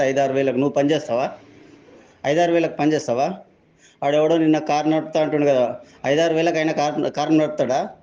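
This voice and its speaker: A man with a Telangana Telugu accent leaves an angry phone voice message, scolding and firing accusing questions. His voice sits fairly high but sounds dark and mellow. The recording is dull and lo-fi, like a phone voice note. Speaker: angry member of the public.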